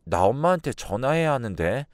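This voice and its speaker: An innocent little daughter, read by a male narrator in a radio drama, with lively intonation. She chatters simply, in a dry, close sound. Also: medium pitch, brisk, no echo, natural voice. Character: small chatty young daughter.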